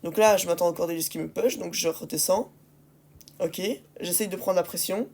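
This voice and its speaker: A woman's voice: lowish voice, steady tone, normal speed, creaky, warm tone, slightly rough. Exasperated woman commentating on gameplay. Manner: exasperated, ranting at teammates; repeats phrases and rhetorical questions for emphasis. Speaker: gaming video creator commentating on match replays.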